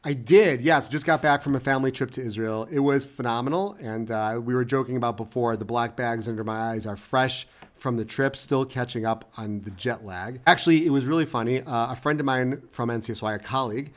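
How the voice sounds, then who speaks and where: A man hosting a podcast interview, upbeat and chatty, warmly welcoming his guests. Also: medium pitch, fairly quick, few pauses. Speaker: podcast host.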